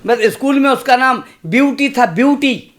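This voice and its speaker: A man's voice: very high-pitched, expressive, normal speed, fairly bright tone. A man in his sixties, a comic poet reciting humorous verse on stage, repeating lines and making chatty asides to the audience.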